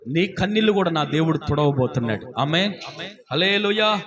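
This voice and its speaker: High-voiced fervent male pastor. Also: animated, moderate pace, crowd noise. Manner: fervent, calls out hallelujah, acts out quotes. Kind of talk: sermon. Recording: live church service with congregation. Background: congregation.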